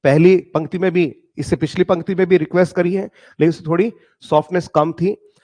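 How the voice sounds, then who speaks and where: A man teaching a lesson, reading poem lines slowly and dramatically, then explaining them and asking the class rhetorical questions. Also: high-pitched, steady tone, mellow. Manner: addresses students as "beta", asks rhetorical questions.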